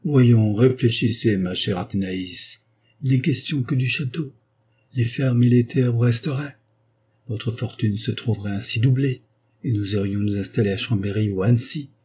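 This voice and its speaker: A man's voice: mid-range voice, normal speed, darkish tone, a little hiss or hum, natural voice. A man doing a courtly old baron. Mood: persuading. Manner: courteous, patient. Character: weary old aristocratic baron.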